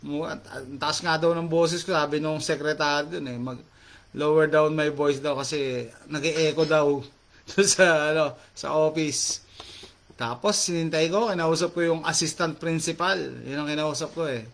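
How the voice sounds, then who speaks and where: A man's voice: a little high, steady tone, normal speed, gravelly, fairly bright tone. A middle-aged man chatting casually to viewers as host, reading out comments and mixing English phrases into his Tagalog with frequent fillers. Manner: talkative, mixes English into Tagalog, many fillers.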